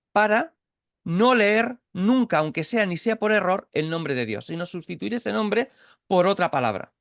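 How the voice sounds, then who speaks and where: A man's voice: fairly high pitch, no echo, studio quality. A man from Catalonia teaching an informal Bible study over a video call, explaining step by step with frequent restarts and checks for understanding. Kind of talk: informal online Bible class.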